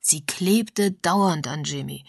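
A woman voicing a thoughtful, slyly sharp older woman who muses in an unhurried way, with a gravelly, husky voice. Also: deep voice, no echo, studio quality, exaggerated voice. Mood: musing.

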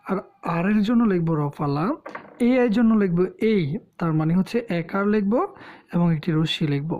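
A woman with a Bangladeshi Bengali accent teaching English pronunciation, explaining slowly with pauses and fillers. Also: on the low side. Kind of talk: spoken lesson. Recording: dull lo-fi sound.

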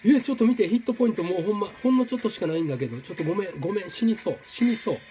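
A man commentating his own gameplay, exclaiming and repeating words in quick bursts. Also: high-pitched, animated, warm tone, faint music behind. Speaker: game streamer. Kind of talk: excited let's-play commentary.

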